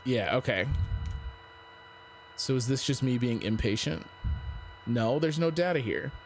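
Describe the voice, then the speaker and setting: A man's voice: medium pitch, expressive, a little slow, a little hiss or hum. A man giving casual video game commentary as a streamer, thinking aloud in a musing, self-questioning way.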